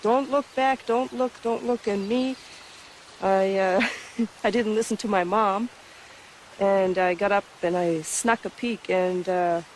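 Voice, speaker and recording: A woman's voice: medium pitch, a little hiss or hum. A woman in her thirties, interviewed alongside her mother, recalling a childhood memory in a casual, chatty way. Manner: casual, chatty, with small laughs. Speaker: interviewee, daughter. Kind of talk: casual spoken recollection.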